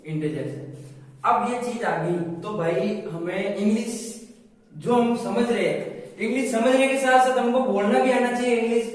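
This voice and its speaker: A man's voice: very high-pitched, moderate pace. Man, English teacher, asks-and-answers questions, distant mic, roomy echo. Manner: asks questions then answers them himself, repeats key words. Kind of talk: classroom-style lesson with call-and-response questions. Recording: echoey room, voice from a distance.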